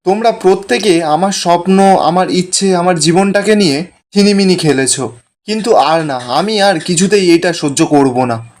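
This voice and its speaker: A woman's voice: lowish voice, normal speed, a little mellow, natural voice. A man voicing a bitter young woman, a wronged younger daughter accusing her family. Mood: defiant. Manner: accusing, defiant.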